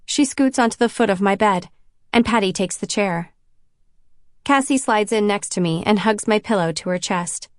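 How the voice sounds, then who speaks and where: A woman reading a first-person audiobook in an even, intimate storytelling voice. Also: medium pitch, moderate pace, dry recording, studio quality. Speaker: audiobook narrator.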